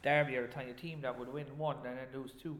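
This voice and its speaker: A man with a mid-pitched voice gives his opinions as co-host of a casual football podcast. The room around him is echoey and his delivery is conversational. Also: fairly even intonation, quick pace, a bit bright.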